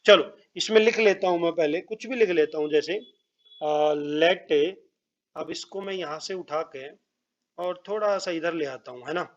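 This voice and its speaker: A man gives a math lesson in a fairly high voice. He talks to his pupils as children, repeats each step and checks they follow, and drags out words while he writes. The sound is a bit dull and lo-fi. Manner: writes on screen while speaking, pauses and drawn-out words. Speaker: math teacher.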